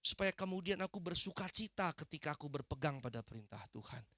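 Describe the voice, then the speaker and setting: Bright emphatic Indonesian-style preacher man. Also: on the high side, expressive, fast talker, no room sound, studio quality. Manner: emphatic preaching with repeated phrases and questions to the congregation. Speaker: pastor. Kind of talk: sermon.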